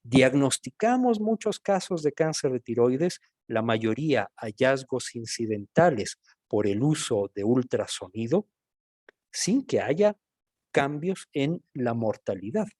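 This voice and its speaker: A man from Ecuador with an Ecuadorian accent, a physician giving a measured, explanatory recorded medical lecture that addresses listeners directly. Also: medium pitch, very animated, darkish tone, dry recording, clean studio sound. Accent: Ecuadorian Spanish.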